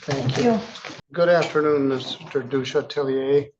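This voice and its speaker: Man, judge on the bench; gravelly, unhurried, plainspoken, recorded on dull courtroom audio. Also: medium pitch, background noise. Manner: measured, plainspoken, chatty asides. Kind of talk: courtroom proceedings.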